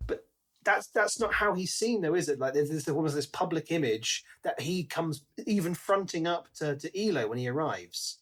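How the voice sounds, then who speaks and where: Bright and a touch high, the man's voice moves at a normal clip with lively intonation. As a podcast co-host, he discusses a book in a relaxed, conversational way, performing imagined lines as he paraphrases quotes.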